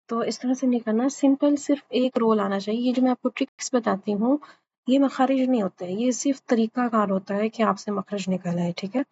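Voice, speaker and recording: A woman's voice: fairly high pitch, darkish tone. A woman teaching Quran pronunciation in a class, who patiently repeats each letter sound for her students to copy. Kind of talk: online class lesson. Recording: slightly dull lo-fi audio with faint background hiss.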